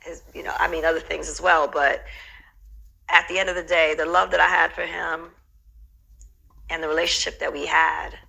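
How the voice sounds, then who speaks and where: Middle-aged woman, bright and edgy tone, storytelling guest with lots of fillers. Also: sits low, level tone, normal speed, vocal fry, pauses often, husky, rough recording. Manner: reflective, heavy with "you know" fillers. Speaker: interview guest. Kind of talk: casual storytelling interview.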